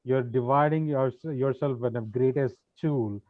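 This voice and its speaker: A man presenting in a webinar whose audio keeps cutting out over an unstable internet call, explaining steadily with frequent pauses. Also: mid-range voice, no echo. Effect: choppy audio cutting out on an unstable internet call. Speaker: real estate investment presenter. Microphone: video call. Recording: tinny, dry video-call line.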